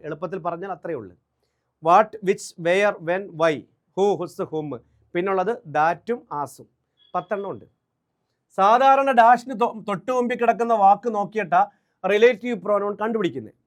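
A man with a Malayali accent giving a brisk exam-prep grammar lesson, drilling English examples slowly and repeating key points. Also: high voice. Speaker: English teacher.

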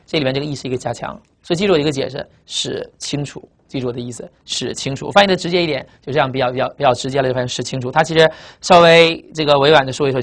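Fast-talking male vocabulary teacher. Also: mid-range voice, fairly bright tone. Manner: repeats words, explains with memory tricks, frequent filler "啊". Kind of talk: recorded vocabulary lesson.

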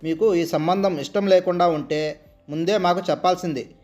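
A man with a high voice voicing the groom's elderly grandmother in a storybook reading, measured and reproachful. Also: steady tone, a little mellow, soft background music, lightly acted. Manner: measured, reproachful then persuasive.

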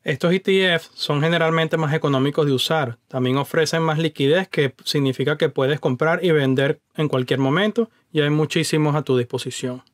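A man with a fairly high voice walks the listener through stock market basics in a friendly, explanatory voice-over. He speaks straight to the viewer and drops in the odd English word. The sound is dry and close, with no room around it. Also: normal speed, few pauses, dry recording. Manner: conversational and explanatory, addresses the viewer directly; mixes in English words. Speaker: personal finance YouTuber. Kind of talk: explaining investing over screen recordings.

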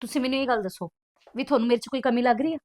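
A woman plays a young newlywed bride, complaining and insistent about what she is owed. Her voice is fairly high. The sound rings in an echoey room. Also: very fast, a little mellow, close to an everyday voice. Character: young discontented new bride. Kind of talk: village family drama acting.

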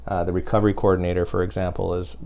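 A man's voice: low voice, flat delivery, rapid-fire, gravelly, a little mellow, a little hiss or hum. A man in his forties giving a casual demonstration and explanation in an interview. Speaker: website creator being interviewed. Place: small home office. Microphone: lapel mic.

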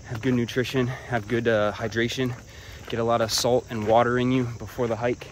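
A man vlogging hiking tips while walking a trail outdoors, relaxed and a bit profane, talking between breaths. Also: mid-range voice, a little fast, a little hiss or hum. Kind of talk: casual talk while hiking. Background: crickets and insects.

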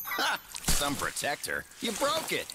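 Folksy, bossy little game creature: teasing wisecracker, very animated delivery. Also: male voice, a little high, unhurried. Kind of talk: video game character acting. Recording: game music behind the voice.

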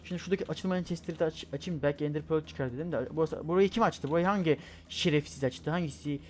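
A man giving playful gameplay commentary, rambling quickly, correcting himself mid-word and trash-talking the other players. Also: a little high. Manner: joking, trash-talking at opponents; rapid, rambling chatter with self-corrections. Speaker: gaming YouTuber.

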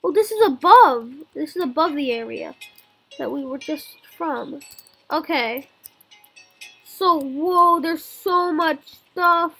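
Over game music, a gaming video host who sounds young fills his excited commentary with exclamations and repeated words. His gravelly voice sits high and moves at a slow pace.

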